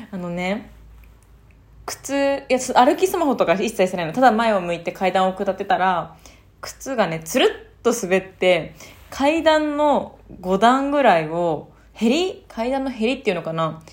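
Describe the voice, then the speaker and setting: Brief: young woman with a mid-height voice, animated storyteller who mimics sounds. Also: mid-range voice. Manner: animated, sound-effect-laden retelling. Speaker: solo radio talker. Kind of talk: casual storytelling monologue.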